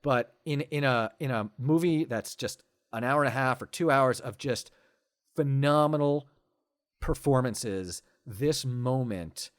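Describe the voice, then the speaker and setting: A man's voice: mid-range voice, measured pace, no echo, clean studio sound. A man in his forties, a podcast guest, talking with enthusiasm and many stammering restarts in casual conversation.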